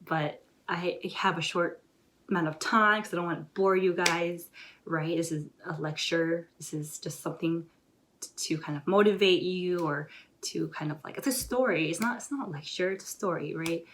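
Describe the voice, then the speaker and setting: A young woman vlogger talking casually and excitedly to camera, rambling with lots of filler words as she gives motivational advice. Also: fairly low pitch, moderate pace, a little hiss or hum.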